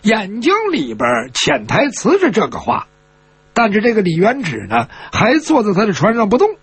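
A man performing traditional storytelling, lively and expressive with conversational asides. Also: high-pitched, moderate pace, breathy edge, no room sound.

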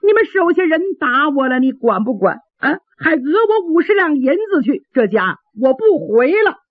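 A woman's voice: on the high side, very animated, measured pace, slightly rough, no echo, voice pushed up, heavily acted. A woman storyteller voicing a cunning male steward who drawls haughtily and wails theatrically, on a dry, phone-like recording. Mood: indignant. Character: cunning male steward, arrogant then wailing.

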